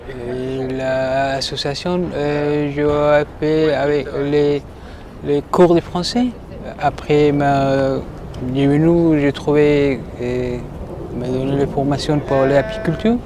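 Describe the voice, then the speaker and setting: Man from Afghanistan, slightly high voice, very slow speech, faint street noise. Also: flat delivery, a little mellow. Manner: slow halting non-native French. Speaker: interviewee.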